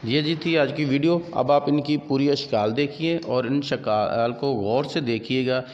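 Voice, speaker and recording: A man with an Urdu accent teaches a grammar lesson at an unhurried, deliberate pace, reading out examples one after another. The recording is dull and lo-fi, with a long reverb tail and faint hiss behind him. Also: mid-range voice.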